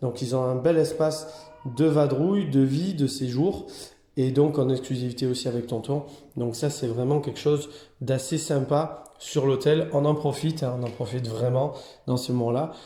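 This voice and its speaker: A man's voice: normal speed, dark tone, roomy sound. A man who runs a cat hotel, chatting casually through a vlog and now and then cooing at the cats. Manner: chatty, talks baby-talk to the cats in a higher voice.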